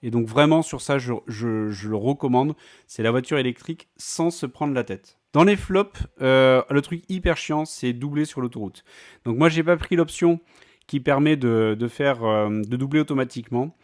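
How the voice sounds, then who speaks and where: A man's voice: medium pitch, moderate pace. A man talking casually in a vlog, chatty and full of fillers and restarts. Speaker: vlogger.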